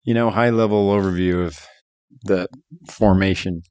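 A man's voice: low voice, fairly even intonation, moderate pace, a little mellow, smooth, no echo, studio quality. A middle-aged man hosting an interview in an enthusiastic, chatty way, with plenty of loose fillers. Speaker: podcast host. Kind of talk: casual interview chat.

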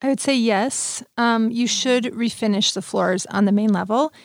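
A woman's voice: on the high side, moderate pace, gravelly, no echo, clean studio sound. A woman hosting an advice show's next-episode teaser, talking in an informal, plainspoken way. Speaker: host giving advice.

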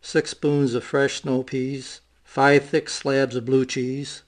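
A man reads a short passage aloud, slowly and with care. His delivery is plain and even. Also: medium pitch. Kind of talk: reading a test passage aloud.

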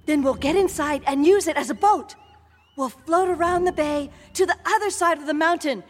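A woman playing a brave, calm mother who talks softly and steadily to her young son. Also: high voice, moderate pace, big-room sound, lightly acted. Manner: soft, steady and reassuring.

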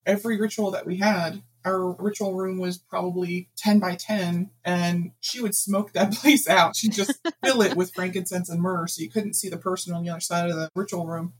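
A woman guest author telling anecdotes in a casual interview, animated and laughing often. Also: on the low side, moderate pace, hardly any pauses, slight background noise, poor audio.

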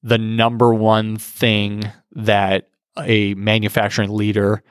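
A man's voice: lowish voice, completely flat delivery, slow pace, clear, resonant tone, dry recording, studio quality. A man co-hosting a casual podcast and talking about his business in an earnest, rambling way. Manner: earnest, rambling, many restarts. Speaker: podcast co-host, business owner.

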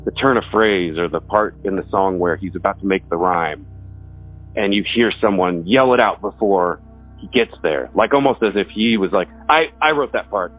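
A man's voice: low voice, normal speed, soft background music. A man from Texas casually recounting a story at home in a loose, rambling way, with restarts. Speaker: musician and homeowner telling a ghost story. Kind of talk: casual spoken recollection. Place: his house in the woods. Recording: dry, thin phone-like sound.

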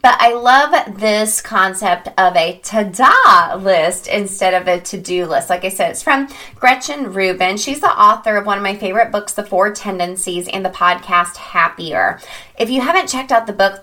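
Bright-voiced upbeat woman podcast host. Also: mid-range voice, normal speed. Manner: upbeat, chatty, exclaims "ta-da" playfully. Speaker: podcast host and habit coach. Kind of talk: casual podcast monologue.

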